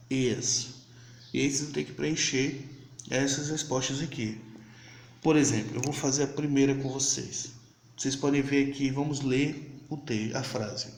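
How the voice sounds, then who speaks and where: A Brazilian man teaches a recorded video lesson, explaining step by step and pausing often to check in with his students. He speaks slowly, at a middle pitch, and sounds out the English example sentences clearly. The room around him is echoey. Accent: Brazilian Portuguese.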